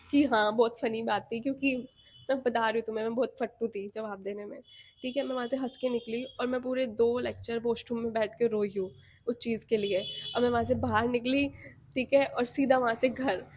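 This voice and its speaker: A young woman with an Indian accent telling a personal story to camera in a candid, animated, self-mocking way. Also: on the high side, normal speed, husky. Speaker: vlogger.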